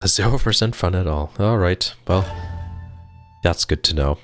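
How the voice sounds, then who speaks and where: This man in his twenties has a low, fairly bright voice and talks a little slowly. He chats casually on a live game stream, reading chat aloud and chuckling now and then while game music plays behind him.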